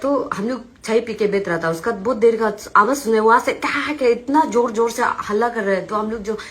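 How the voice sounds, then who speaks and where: A woman's voice: a little high, a little fast. A young woman with an Arunachal Pradesh accent, giving an agitated, insistent eyewitness account to reporters and retelling the dispute with quoted dialogue.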